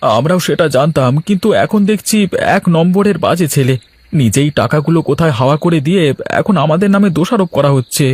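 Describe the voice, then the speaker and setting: In a cartoon, a man voices a humble labourer and husband who plaintively complains and protests his innocence, sounding dejected and aggrieved. His husky voice is a little high and quick with lively intonation, over light background music and no room sound.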